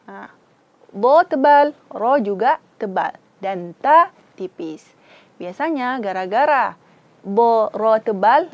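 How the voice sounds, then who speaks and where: A woman's voice: medium pitch, darkish tone, highs cut off. A woman from Indonesia with an Acehnese accent, teaching Quran recitation and patiently sounding out each syllable. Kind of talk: slow, careful tajwid instruction.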